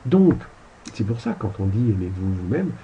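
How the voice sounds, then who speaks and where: A man's voice: on the low side, very animated, moderate pace, mellow, muffled recording, slight background noise. A man giving a casual spiritual lecture over slides, rambling and colloquial, with crude asides. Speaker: spiritual teacher.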